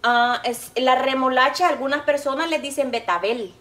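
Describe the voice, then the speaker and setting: A woman's voice: sits high, moderate pace, fairly bright tone. A middle-aged woman with a Salvadoran accent chatting with her viewers while serving food, calling them sweet pet names. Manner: chatty, affectionate, calls viewers endearments. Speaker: cooking vlogger. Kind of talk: casual chat with live viewers. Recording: echoey room with faint noise.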